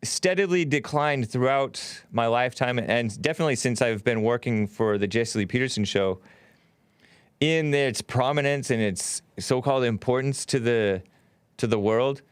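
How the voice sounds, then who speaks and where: A man's voice: mid-range voice, moderate pace, clean tone, no room sound. A man hosting a call-in radio show, talking casually on a close studio microphone. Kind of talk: casual talk radio conversation.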